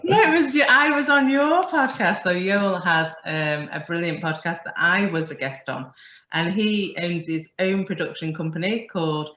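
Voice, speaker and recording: A woman hosting a podcast interview over a video call, chatty and quick to laugh. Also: on the low side, a bit bright. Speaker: podcast host. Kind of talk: casual interview. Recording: muffled roomy call audio.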